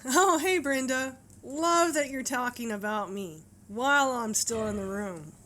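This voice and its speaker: A woman's voice: on the high side, measured pace, pushed and bright, slight background noise. A woman playing a sarcastic, exasperated bystander griping in a comedy parody. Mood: indignant.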